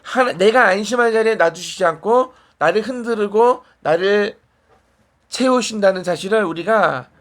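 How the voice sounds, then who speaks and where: A man's voice: sits high, normal speed, a bit bright. A man preaching a sermon in a small church, conversational and asking the congregation questions and answering back.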